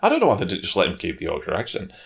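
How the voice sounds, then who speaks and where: Rapid-fire and gravelly, this man's low voice swoops wildly in pitch as he reviews films and games in a two-person discussion. He chats casually with wry opinions, swears, and puts on mock voices while ranting.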